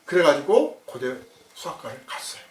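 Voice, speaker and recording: A man preaching a sermon as a pastor, telling a story in a lively way and acting out the voices of the people in it. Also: fairly high pitch, normal speed, echoey room, far from the mic, a little hiss or hum. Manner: animated storytelling, acts out dialogue.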